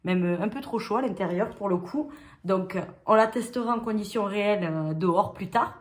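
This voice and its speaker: A woman's voice: medium pitch, fairly quick. Giggly chatty woman sewing host. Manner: chatty and giggly, self-mocking asides. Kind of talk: casual sewing tutorial.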